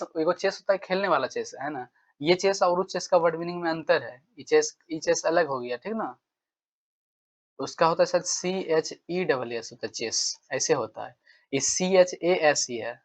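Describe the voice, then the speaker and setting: A man with a stuffy nose from a cold, giving a casual exam-prep lesson and constantly checking in with his students. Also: fairly high pitch. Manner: chatty, keeps asking "right?" and "what will you say?". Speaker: English teacher.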